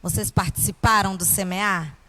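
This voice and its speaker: A woman's voice: medium pitch, fairly even intonation, normal speed, pushed and bright. A woman with a Brazilian accent teaching a children's Bible lesson in a kindergarten teacher voice, with simple explanations and questions put to the children.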